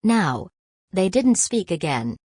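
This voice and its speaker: Low-voiced woman narrating a drama. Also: measured pace, darkish tone, no room sound. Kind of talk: scripted narration.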